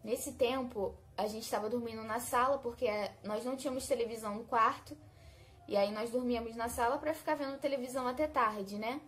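A woman's voice: fairly high pitch, fairly even intonation, a little fast, fairly bright tone. A young adult woman with a Brazilian Portuguese accent, telling a personal faith testimony in a heartfelt, conversational way and often speaking straight to her listeners. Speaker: channel host sharing a testimony.

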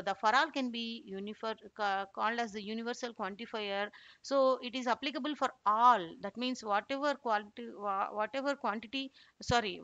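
A woman's voice: fairly high pitch, bright, forceful tone, no room sound, highs cut off. A woman lecturing over slides, explaining step by step and saying "okay" a lot. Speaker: instructor.

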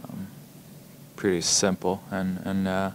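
A young man, a hockey player, answering reporters' questions at a postgame press conference, halting and full of ums and repeated words, speaking into table microphones in a press room. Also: low-pitched, monotone, slight background noise. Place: press room in front of a logo backdrop. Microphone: table microphones in front of him.

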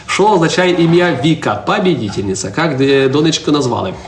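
Fast-talking young priest in echoey church. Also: male voice, on the high side, big pitch swings. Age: 20s. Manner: chatty, answers viewer comments, teases his little daughter. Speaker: priest streaming live. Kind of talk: casual live-stream chat. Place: church interior. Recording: roomy echo, faint background noise.

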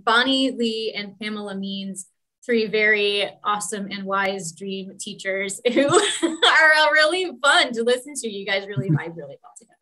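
A woman hosting a casual interview, upbeat and warmly complimentary toward her guest. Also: a little high. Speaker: interview host.

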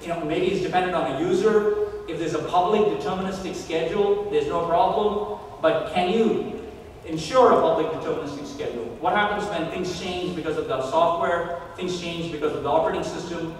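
A man giving a conference keynote lecture, measured and pausing often with "uh" while he thinks. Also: fairly high pitch, slight background noise. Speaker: keynote speaker. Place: large lecture hall. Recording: echoey hall recorded from far off.

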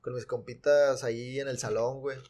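A man's voice: mid-range voice, level tone, moderate pace, darkish tone. A man, a rapper guest chatting casually on a podcast at a desk mic, dropping slang constantly. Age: 20s. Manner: slangy, says güey constantly. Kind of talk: casual chat. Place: small studio with blue wall.

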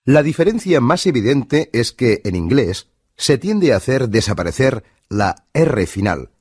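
Course narrator, man, Spain Spanish accent, measured teaching read, slightly husky, close and dry. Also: mid-range voice, big pitch swings, a little mellow, dry recording. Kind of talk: scripted instructional narration.

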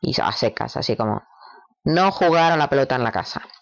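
A woman from teaching English phrases to parents, with slow, exaggerated English models between quick instructions. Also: a bass voice, expressive, vocal fry, poor audio. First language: Spanish. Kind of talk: bilingual language lesson.

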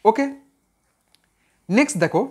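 In an online grammar lesson, a man with a darkish tone addresses his viewers directly, posing questions and answering them himself. He slowly repeats example words so viewers can drill their pronunciation.

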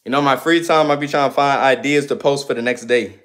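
A man's voice: medium pitch, fairly even intonation, a little fast, fairly bright tone. A man in his twenties livestreaming, reading viewer comments aloud and answering them in loose, slangy, sometimes ranting casual chat. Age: 20s.

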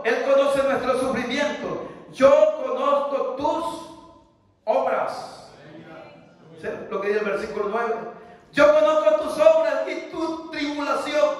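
A middle-aged man preaching a fervent sermon from a church pulpit, again and again addressing his listeners as brothers. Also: very high-pitched. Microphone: far camera in the pews. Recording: echoey hall from far off.

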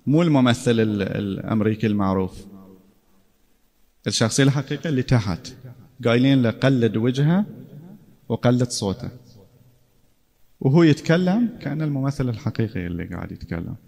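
A man's voice: medium pitch, lively intonation, brisk, gravelly, long pauses, mellow. A man giving a casual classroom lecture, conversational and often checking in with his listeners.

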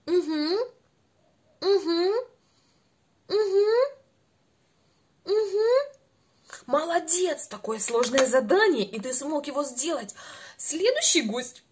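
Woman in her twenties, high voice, over-enunciated words, encouraging sing-song children's speech lesson. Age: 20s. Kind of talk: playful articulation lesson for a small child.

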